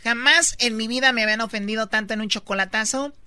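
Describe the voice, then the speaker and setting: A woman's voice: fairly high pitch, fast talker, pushed and bright, smooth, dry recording. Chatty woman hosting a radio show. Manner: chatty, previews the show's segments. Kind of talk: radio show host chat.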